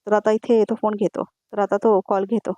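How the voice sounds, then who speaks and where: A woman narrating a voice-over review of a TV serial episode, retelling scenes quickly and often addressing the viewers. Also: mid-range voice, flat delivery, dark tone.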